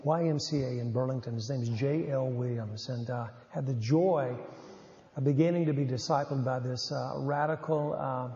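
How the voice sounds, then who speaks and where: A man's voice: mid-range voice, moderate pace, warm tone. A man in his seventies with a rural North Carolina Southern accent, a former youth pastor giving a folksy, rambling talk to an audience with lots of filler uhs. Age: 70s. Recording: roomy hall, slightly dull lo-fi.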